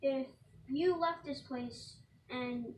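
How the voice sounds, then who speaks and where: Female session participant, high voice, questioning a spirit, far from mic in echoey room. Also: takes it slowly. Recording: distant, echoey, noisy room recording.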